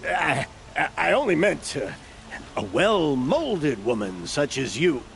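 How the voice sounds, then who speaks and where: A man's voice: fairly high pitch, very animated, takes it slowly, gravelly, a little hiss or hum, heavily acted. An actor playing a greedy, shifty male merchant who wheedles, stammers and sells himself as an opportunist, in video game dialogue. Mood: scheming.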